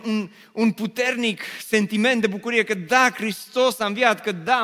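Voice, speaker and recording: A man's voice: high voice, bright, forceful tone, in a large hall. A man preaching a sermon to his congregation, repeating refrains and posing rhetorical questions. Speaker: pastor. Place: church.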